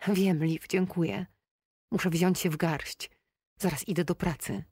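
A woman's voice: lowish voice, fairly even intonation, unhurried, a little mellow, breathy edge, dry recording. A weary young woman nursing a broken heart, as a woman narrator puts her on. Her voice sounds tired and strained, with a sniffle. The storybook reading is dry and close. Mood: heartbroken. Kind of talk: audiobook character voice.

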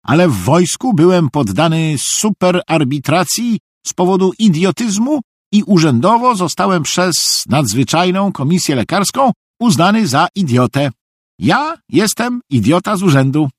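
Švejk, a man doing a high, naive, obliging soldier. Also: animated, normal speed, no echo, studio quality. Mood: earnest. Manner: naive, earnestly obliging, rambling. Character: cheerful simple-minded middle-aged male soldier, earnest.

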